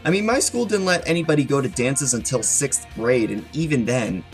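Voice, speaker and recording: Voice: medium pitch, lively intonation, fairly quick, faint music behind. A commentator making matter-of-fact points in comedic commentary.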